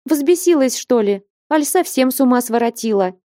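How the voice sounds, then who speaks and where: A woman's voice: high voice, animated, normal speed, warm tone, no echo, clean studio sound, pitched above the performer's own voice. A woman reading an audiobook voices a gloomy, peevish young choir leader with a whiny, irritated tone.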